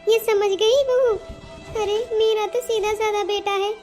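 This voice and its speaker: A woman voicing a proud, stubborn older mother-in-law in a cartoon, nagging and lecturing in a very high voice. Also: steady tone, unhurried, darkish tone, soft background music. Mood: scolding. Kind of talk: Hindi cartoon voice acting.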